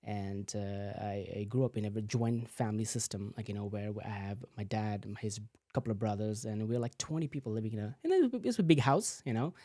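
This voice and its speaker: A man's voice: fairly low pitch, a little fast, hardly any pauses, mellow, no room sound, clean studio sound. A man, a physical therapist telling his story as a guest, full of "you know" fillers. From Nepal. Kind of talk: casual interview answers.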